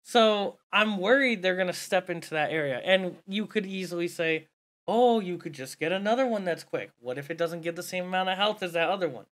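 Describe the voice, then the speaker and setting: A man hosting a casual gaming podcast, chatty and quick to swear and laugh. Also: high-pitched, fairly bright tone. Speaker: podcast host.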